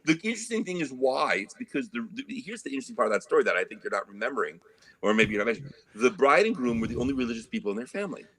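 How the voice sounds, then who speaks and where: Animated, fast-talking male storyteller. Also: medium pitch, breathy edge. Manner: animated storyteller acting out quoted voices. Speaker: guest musician. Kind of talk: casual interview chat.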